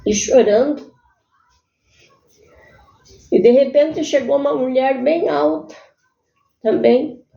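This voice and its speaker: A woman telling her own life story in a halting, earnest way. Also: high voice, gravelly, mellow. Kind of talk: personal storytelling. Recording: echoey room, muffled sound.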